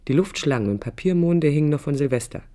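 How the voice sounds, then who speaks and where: A young adult actress with a low, warm, expressive voice speaks fast, playing a proud, idealistic young woman architect in a 1980s radio play with background noise. Her radio drama acting includes interior monologue, and she comes across as articulate, combative and ironic, in a wry, reflective mood.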